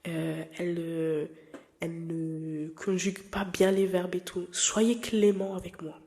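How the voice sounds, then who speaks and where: A lowish, level, slightly mellow voice at a measured pace belongs to a podcast host in her twenties who isn't a native French speaker. She keeps things casual and personal, candid and playful, wandering with fillers and restarts.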